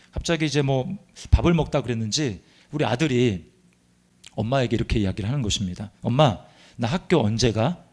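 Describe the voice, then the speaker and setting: A middle-aged man, a pastor, preaching a sermon in an earnest, confessional way with sudden loud emphasis in a church sanctuary. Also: medium pitch.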